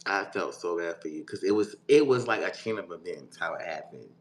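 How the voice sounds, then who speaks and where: Animated, expressive man hosting a chat. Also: deep voice, a little fast, slight background noise. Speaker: host. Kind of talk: casual chat.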